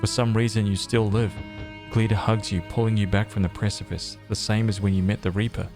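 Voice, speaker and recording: A man's voice: on the low side, flat delivery, fairly quick, a little mellow, soft background music. A man hosting a gaming video, reading game text aloud with casual slang reactions.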